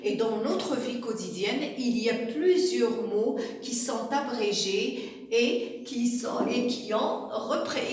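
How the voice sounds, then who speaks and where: A woman teaching a primary school class, who explains slowly with examples and checks in with her pupils. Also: fairly high pitch, far from the mic. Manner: slow, explains with examples and asks "D'accord?". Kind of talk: recorded classroom lesson. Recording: echoey room, voice from away from the mic.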